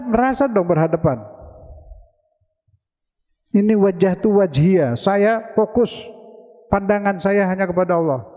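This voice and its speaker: High-voiced man preaching in a reverberant mosque. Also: mellow. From Indonesia. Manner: conversational, asks listeners questions and answers them himself. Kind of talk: sermon. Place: large mosque hall. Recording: dull lo-fi recording with long hall reverb.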